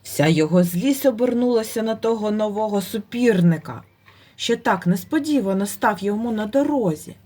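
A woman storyteller reading a folk tale for children in an expressive way. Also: medium pitch, moderate pace.

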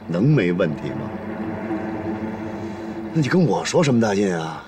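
An actor playing a brash, teasing street hustler who talks in a breezy, lively way. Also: male voice, sits low, moderate pace, background noise. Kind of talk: TV drama acting. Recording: distant mic with loud music score.

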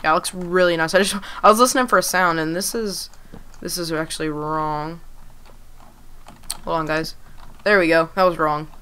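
A young woman casually talking through her gameplay, relaxed and rambling with plenty of ums. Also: lowish voice, moderate pace, pauses often, clean tone. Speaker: gaming channel host. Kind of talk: casual let's-play commentary.

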